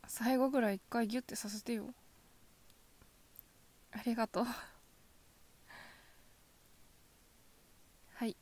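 A woman voicing a possessive yandere girlfriend in a soft ASMR role-play, sweetly coaxing with quiet menace. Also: fairly high pitch, steady tone, normal speed, lightly acted. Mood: clingy, sweet. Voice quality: soft, often dropping in a soft voice. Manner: yandere: sugary coaxing turning quietly threatening.

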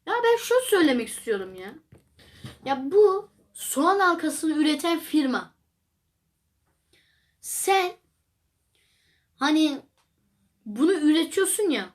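Chatty high-voiced young woman vlogger. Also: very animated, slow pace, pauses often. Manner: chatty, rambling, exclamatory, addresses viewers as friends. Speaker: video host reacting to clips. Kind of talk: casual reaction commentary.

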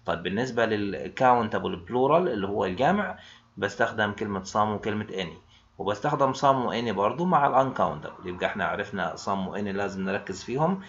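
A man with an Egyptian Arabic accent teaches an online English grammar lesson, repeatedly posing questions and answering them himself. His voice is on the low side, expressive, fast and fairly bright, and the dull lo-fi recording carries a little hiss or hum.

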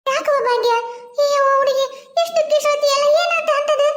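A woman's voice: very high voice, steady tone, normal speed. A woman with a North Karnataka Kannada accent voicing a nosy older village woman who keeps asking what happened. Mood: curious. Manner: questioning, fussing. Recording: echoey room.

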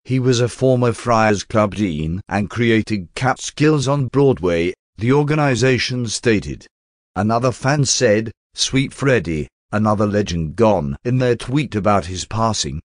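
A male narrator with a fairly low voice reads scripted news. His delivery is measured and formal. The sound is dry, with very little room to it. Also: expressive, dry recording.

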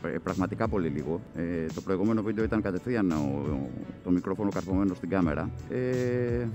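Greek man, lowish voice, motovlogging from a helmet mic, rambling chatter with music underneath. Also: expressive. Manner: rambling, self-mocking, full of fillers. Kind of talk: casual chat while riding. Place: riding a motorcycle at night on city streets. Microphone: external recorder mic inside a helmet.

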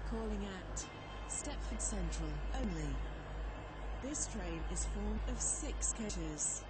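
A woman voicing an automated female train station announcer, reading platform announcements in a slow, even way. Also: mid-range voice, over loud music. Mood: formal. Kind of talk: automated public address announcement.

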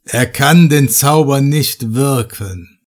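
A man's voice: mid-range voice, slow pace. A man voicing an ancient living stone idol that speaks with a thundering, cold and scornful voice. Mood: booming, scornful.

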